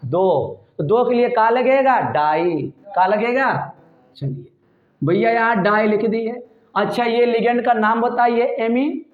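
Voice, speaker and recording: Male chemistry teacher, high voice, quizzing his own class, echoey room on a tinny mic. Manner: quizzing, asks questions and answers them himself. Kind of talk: classroom lecture.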